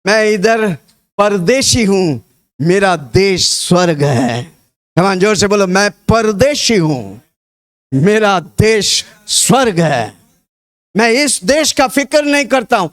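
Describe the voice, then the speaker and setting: A man's voice: high-pitched, sing-song, slow pace. A man preaching a sermon. He tells stories with lots of repetition and rouses the congregation, urging them to repeat his words back. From India. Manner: rousing call-and-response, urging the congregation to repeat; storytelling with repetition.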